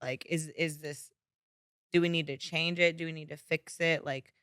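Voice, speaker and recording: A woman's voice: deep voice, fairly even intonation, moderate pace, fairly bright tone, smooth, no room sound, clean studio sound. A woman hosting a podcast, asking questions in casual chat with a teasing, playful manner. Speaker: podcast host.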